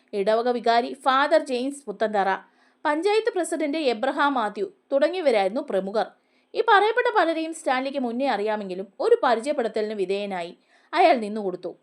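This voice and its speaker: A woman narrating a TV serial as a story, with a steady, expressive reading. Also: high voice.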